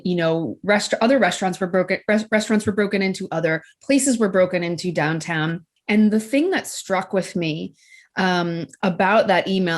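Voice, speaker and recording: A woman hosting an interview, responding reflectively and with empathy to her guest. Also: mid-range voice. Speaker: interviewer, podcast host. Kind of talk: conversational interview.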